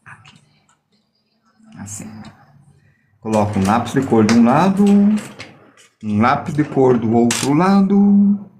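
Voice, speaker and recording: A man leads a drawing class on mirror reflections, his voice swinging up and down with animated energy. He breaks off to tease viewers playfully, then returns to patient explanation. A faint noise sits under the recording. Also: mid-range voice, slow, long pauses. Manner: playful, jokes with viewers while demonstrating. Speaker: drawing teacher. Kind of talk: live online art lesson.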